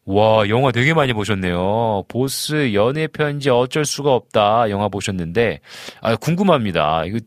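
A man's voice: on the low side, lively intonation, moderate pace, few pauses, no echo, clean studio sound. A man in his forties, a pastor hosting a live stream, reading out viewer comments and chatting casually with many fillers. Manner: chatty, warm greetings, frequent fillers and chuckles.

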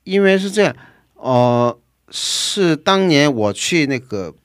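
A man from South Korea with a Korean accent, a foreigner speaking Mandarin, telling his story conversationally and often halting to correct himself. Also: fairly high pitch, big pitch swings, clean tone, no echo, studio quality. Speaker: interview guest.

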